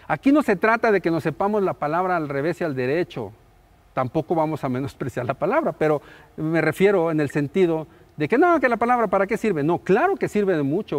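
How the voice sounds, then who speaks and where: A middle-aged man, preaching a sermon as pastor, building emphasis through repeated phrases and then dropping soft at the ends. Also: on the high side.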